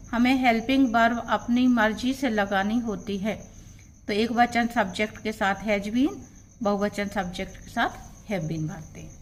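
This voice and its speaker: A woman teacher giving an exam-prep grammar lesson, explaining the rules step by step and reading example sentences aloud. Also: a little high.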